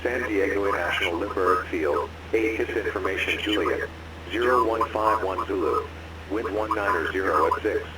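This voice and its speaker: A man's voice on a recorded airport weather broadcast, heard over aircraft radio, reading numbers and runway notices in an even, deliberate way. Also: sits low. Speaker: automated airport information broadcast. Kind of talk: measured, formulaic weather readout. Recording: echoey, very noisy radio channel.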